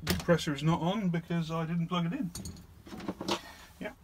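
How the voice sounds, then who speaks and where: A man's voice: fairly high pitch, fairly even intonation, moderate pace. Casual man thinking aloud, faint background noise. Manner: self-deprecating, thinking aloud. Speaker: miniature painting video host. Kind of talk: casual hands-on painting tutorial. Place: indoor painting studio.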